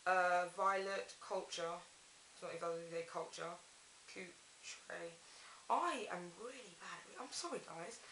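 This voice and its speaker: Name: echoey bathroom vlog voice. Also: female voice, fairly low pitch, a bit bright. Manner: chatty, giggly, self-correcting. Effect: echoey bathroom sound. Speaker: beauty vlogger. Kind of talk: casual haul vlog. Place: small tiled bathroom at night. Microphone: camera in front, facing her. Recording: echoey bathroom with faint hiss.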